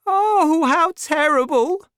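A woman voicing a frightened young woman who pleads in a high, strained voice. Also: slow, no echo, clean studio sound. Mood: anxious.

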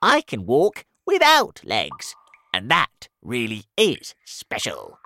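A man voicing an indignant, complaining earthworm in a storybook reading, speaking loudly and whinily. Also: mid-range voice, wildly swooping pitch, takes it slowly, creaky, no room sound, heavily acted.

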